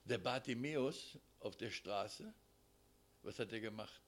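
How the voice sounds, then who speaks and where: A man preaching a sermon, addressing the congregation directly and swinging between loud emphasis and hushed asides. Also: on the low side, unhurried.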